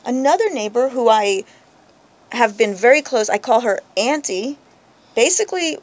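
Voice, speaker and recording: A woman in her thirties hosting a radio talk show, venting and telling stories in a lively, chatty way. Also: fairly high pitch. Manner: animated storyteller, quick to vent. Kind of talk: casual chat.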